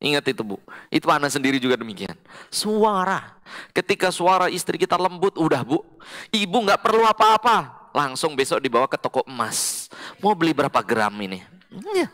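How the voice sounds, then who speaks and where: A man preaching a mosque sermon to women, reciting Quranic verses slowly and explaining with sudden high emphatic calls, with an Indonesian accent. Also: very animated, fairly bright tone. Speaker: Islamic preacher.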